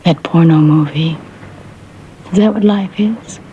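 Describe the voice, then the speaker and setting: TV police drama: actress as firm female sergeant, deep for a woman, soft probing questions, slight noise behind. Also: a little slow, muffled recording, lightly acted. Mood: concerned, probing. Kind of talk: naturalistic TV police drama acting.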